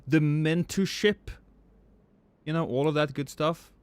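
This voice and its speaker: Here a man in his 30s rambles casually to his live-stream audience, cursing freely and making fun of himself. His clean-toned voice is a little slow, alternating between excited loud bursts and quiet mumbles.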